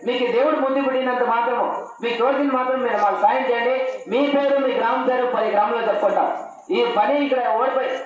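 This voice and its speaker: A man giving loud street performer patter, pleading and repetitive, addressing the crowd respectfully. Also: very high-pitched. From Andhra Pradesh, India, near Karnataka border. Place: live street show, picked up from a distance. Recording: echoey, distant, muffled live pickup.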